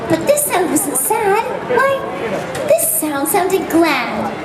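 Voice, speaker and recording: A woman doing a cheerful little Who girl reading a rhyming storybook, her voice very high and bouncing all over the place. She is heard in an echoey indoor hall, with a loud crowd and holiday music playing behind her. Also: big pitch swings, slow, recorded from a distance, exaggerated voice. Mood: sing-song. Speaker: costumed storyteller at a theme park show. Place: indoor public theme park venue.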